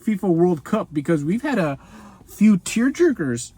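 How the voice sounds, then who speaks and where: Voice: mid-range voice, very animated, a little slow, warm tone, breathy edge. A food review show host in a casual, unscripted video, chatty and folksy, often laughing and calling the viewers grandchildren. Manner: chatty and folksy, calls viewers grandchildren, speaks of self in third person; laughs often between remarks. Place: Los Angeles.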